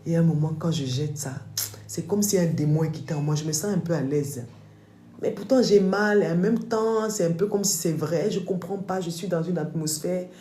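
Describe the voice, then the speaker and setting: A woman's voice: lowish voice, moderate pace, dark tone, slight background noise. A woman giving a religious testimony, telling her story with animation and acting out the voices she heard. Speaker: testimony speaker. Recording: echoey room with faint music.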